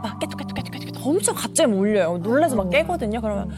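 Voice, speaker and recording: A woman lawyer tells case stories on a talk panel, and her pitch rises and falls widely as she goes. Her voice sits a little high. Music plays clearly behind her. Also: fast. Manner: animated, acts out quoted voices. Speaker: divorce lawyer.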